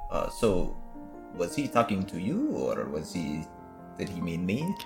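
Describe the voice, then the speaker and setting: A man's voice: low voice, wildly swooping pitch, measured pace, creaky, darkish tone, soft background music, pitched below the performer's own voice, heavily acted. A man voicing an earnest, fussy, formal cat-man adventurer in a tabletop game. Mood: hesitant, puzzled. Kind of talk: tabletop role-play.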